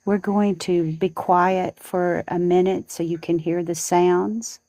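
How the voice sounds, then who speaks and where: A woman, softly chatting with viewers on a live stream from her porch. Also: on the low side, steady tone, slow, dry recording. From Southern United States. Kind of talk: casual chat on a live stream. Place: outdoors on a home porch at dawn.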